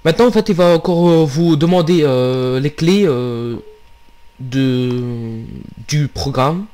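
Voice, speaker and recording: Hesitant man narrating a software tutorial. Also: a little high, lively intonation, slow pace. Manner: hesitant, many fillers and restarts, steps through clicks. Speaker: tutorial maker. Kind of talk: casual screen-recording tutorial narration.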